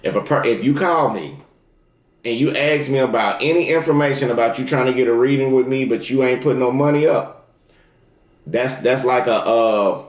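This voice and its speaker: Speaking at a moderate pace in a mid-range voice, a man reads tarot for viewers in a relaxed, folksy, straightforward manner. Affirmations and warnings come up again and again, and the recording is reverberant.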